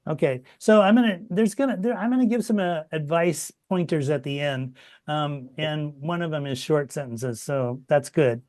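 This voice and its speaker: A middle-aged man teaching a copyediting workshop over a video call, relaxed and chatty, with many fillers and restarts. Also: fairly high pitch, normal speed. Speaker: workshop instructor. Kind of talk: informal online workshop teaching.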